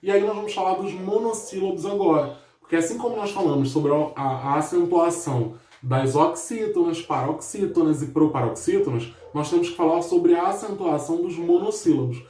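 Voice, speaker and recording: A man's voice: a little high, warm tone. A man with a Brazilian Portuguese accent teaching a grammar lesson step by step, drawing out example words and checking in with "ok?" often. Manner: drawls out example words slowly. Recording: echoey room.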